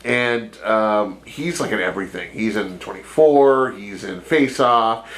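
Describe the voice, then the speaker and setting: Podcast co-host, male, lowish voice, loose rambling delivery with laughs. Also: expressive, measured pace, a bit bright, low-quality recording. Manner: rambling, filler-heavy retelling; laughs while talking, jokey impressions. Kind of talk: casual chat.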